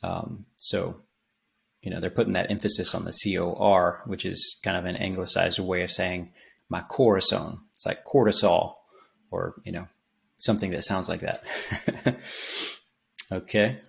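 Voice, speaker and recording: A man explaining song lyrics in a casual spoken language lesson, relaxed and rambling with many ums and restarts. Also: low-pitched, moderate pace, creaky. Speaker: language teacher.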